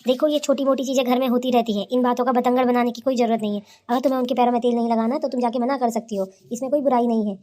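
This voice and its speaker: A woman voicing a young husband in a cartoon, a calm peacemaker who reasons and placates. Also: a little high, very fast, hardly any pauses, lightly acted. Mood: placating. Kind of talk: cartoon voice acting.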